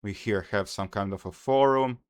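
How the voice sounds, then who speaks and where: A young Croatian man with a low voice explains a hacking walkthrough step by step. He speaks in a careful, methodical way with frequent small pauses. The recording is close and dry. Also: smooth, no room sound. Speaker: security tutorial host. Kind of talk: screen-recorded hacking tutorial.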